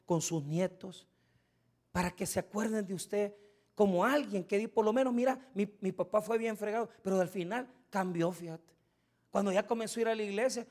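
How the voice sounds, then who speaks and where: A middle-aged man preaching a sermon as pastor, swinging from soft speech to loud shouts. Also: very high voice.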